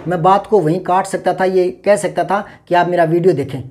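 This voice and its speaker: A man teaching a grammar lesson in a chatty way, explaining slowly and going over each example again and again. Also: sits high, fairly even intonation, a little mellow.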